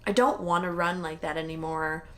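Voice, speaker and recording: A young woman talks straight to camera as a vlogger, candid and chatty, with lots of "like" and some swearing. Her voice sits a little low for a woman. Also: steady tone, moderate pace. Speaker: vlogger recapping a marathon. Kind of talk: casual chat.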